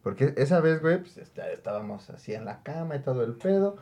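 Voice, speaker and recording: Young Mexican man, co-host, animated storyteller with a lively swooping pitch, crude slang. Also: fairly quick. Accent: Mexican Spanish. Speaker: podcast co-host. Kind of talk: casual chat.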